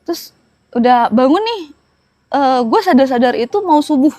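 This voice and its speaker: A young woman with a Jakarta accent tells her story as a guest in a loose, chatty way. Her voice sits a little high, and she laughs easily and stumbles over fillers. Soft music plays faintly underneath. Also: lively intonation, moderate pace, dry recording. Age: young adult. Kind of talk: casual storytelling.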